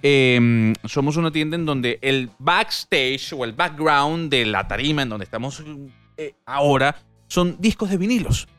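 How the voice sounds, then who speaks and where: A man's voice: medium pitch, lively intonation, measured pace, fairly bright tone, clear, resonant tone, no room sound, soft background music. A man hosting a podcast interview from a record shop, talking in a conversational way.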